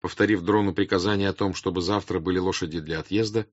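A man reading a classic novel aloud as an audiobook narrator, calm and even. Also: low voice, fast, dry recording, muffled recording. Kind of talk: scripted narration.

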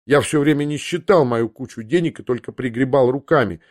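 A man narrating a classic novel as an audiobook, expressive and acting out the dialogue. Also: medium pitch, fairly quick, dry recording, studio quality.

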